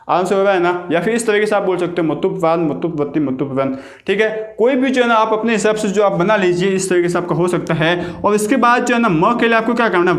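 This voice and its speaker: A man teaches a grammar lesson in a high voice. His chatty talk keeps checking whether the class follows along. The recording sounds echoey, as if made in a bare room. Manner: chatty, keeps asking "got it?". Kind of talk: exam-prep grammar lesson.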